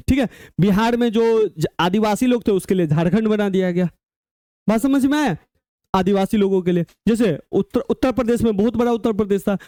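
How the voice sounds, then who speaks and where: A man's voice: sits high, mellow, no echo, studio quality. A man teaching a class lesson, often asking students whether they have understood. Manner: keeps checking students follow with rising questions. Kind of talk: classroom lecture.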